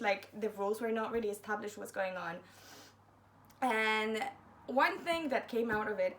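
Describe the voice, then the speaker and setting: A woman's voice: on the high side, a bit bright. Young woman, chatty storytime vlog, self-mocking, acts out quotes. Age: young adult. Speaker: university student vlogger.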